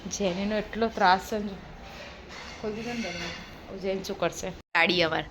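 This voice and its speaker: A woman's voice: mid-range voice, steady tone, normal speed, background noise. A woman in her thirties, a mother chatting casually in a home vlog, teasing and scolding her kids as she talks. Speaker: vlogger and mother.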